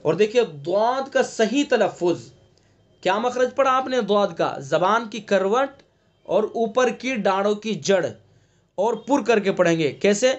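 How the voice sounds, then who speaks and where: A man with a notably high voice teaches an online Quran recitation class. He explains letter sounds patiently, step by step, often checking that students follow, and chants the verses slowly with stretched vowels. The audio is dull and lo-fi. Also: expressive. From India.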